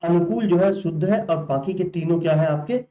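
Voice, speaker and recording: A man's voice: high voice, moderate pace, dark tone. A man teaching as a Hindi exam tutor, going through spelling questions and repeating each answer back to the learners as a question. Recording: roomy, muffled recording.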